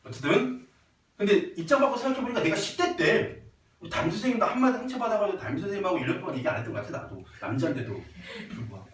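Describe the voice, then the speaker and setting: A man's voice: high-pitched, very animated, rapid-fire, a bit bright, recorded from a distance. A man teaching Korean literature to students, chatty, telling stories about himself and his students and acting out the exchanges. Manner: chatty, acts out students and himself in quoted asides. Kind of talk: classroom lecture with anecdotes. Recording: roomy echo from off-mic.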